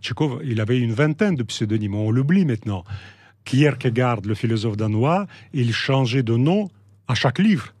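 A man's voice: medium pitch, animated, a little mellow, breathy edge, no room sound. Russian-accented man, middle-aged, hesitant and reflective, close dry mic. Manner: measured, hesitant, many fillers and restarts. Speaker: guest, novelist. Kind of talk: reflective interview talk.

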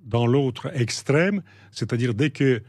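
A man's voice: medium pitch, darkish tone, no echo. Russian-accented man, middle-aged, hesitant and reflective, close dry mic. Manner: measured, hesitant, many fillers and restarts. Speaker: guest, novelist. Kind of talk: reflective interview talk.

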